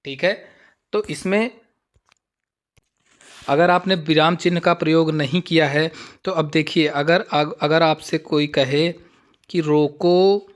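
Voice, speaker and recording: Male exam-prep tutor, fairly high voice, reads options slowly and explains plainly. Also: steady tone. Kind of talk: Hindi exam-prep lesson with slow Sanskrit reading.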